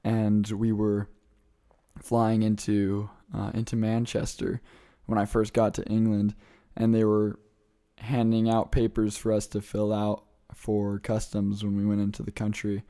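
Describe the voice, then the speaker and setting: Answering an interviewer's questions, this returned missionary, a young man from the American Midwest, is eager and talkative and quick to laugh. He speaks unhurriedly in a fairly low, mellow voice that stays monotone.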